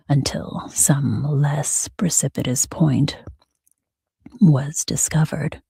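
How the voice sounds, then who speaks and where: A woman reading as a sleep story narrator in a hushed, soothing, breathy ASMR whisper with soft pauses. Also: deep voice, dry recording.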